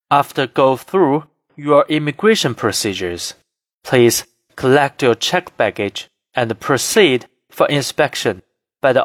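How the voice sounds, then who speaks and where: Slow, formal male flight attendant announcement. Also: mid-range voice, no echo, clean studio sound. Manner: formal, measured, phrase-by-phrase reading. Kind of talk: scripted airline cabin announcement.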